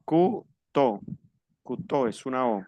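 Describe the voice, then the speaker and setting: A man teaching a French class over a video call, patiently slowing down to model pronunciation. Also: mid-range voice, clear, resonant tone, no room sound, highs cut off. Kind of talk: online class instruction.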